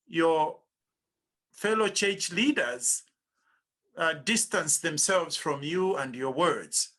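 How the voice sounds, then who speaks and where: A man interviewing a guest, asking long, deliberately framed questions. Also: a little high, pushed and bright.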